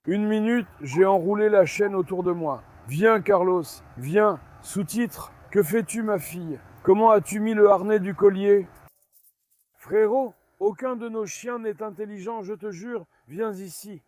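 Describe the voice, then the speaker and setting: A man filming a casual vlog at his farm, coaxing and calming his dogs while chatting to viewers. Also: high-pitched, measured pace, dry recording. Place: farmyard outdoors.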